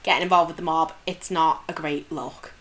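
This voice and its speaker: Woman podcast co-host, lower-pitched voice, chatty and easygoing storyteller. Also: fairly even intonation, normal speed, fairly bright tone. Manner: chatty storytelling, laughs easily. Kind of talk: casual chat.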